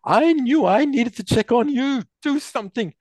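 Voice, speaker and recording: A man voicing an enraged prison warden who shouts bullying threats in a voice pushed high above his own. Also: lively intonation, normal speed, no echo. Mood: furious.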